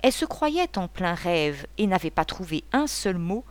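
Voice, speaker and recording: Woman audiobook narrator, lowish voice, lively expressive read, dry close sound. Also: moderate pace, dry recording. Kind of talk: scripted narration of a novel.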